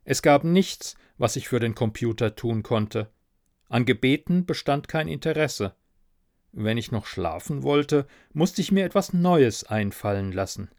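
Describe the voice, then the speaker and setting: Lively, unhurried male storyteller. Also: mid-range voice, dry recording. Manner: dry, wry storyteller. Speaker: narrator. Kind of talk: scripted storybook narration.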